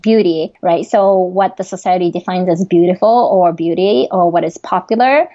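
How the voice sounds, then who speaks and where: A young adult woman with a Japanese accent appears as a guest in a podcast interview, talking earnestly with frequent fillers and laughs. Her mid-range voice is mellow, and the recording has its highs cut off.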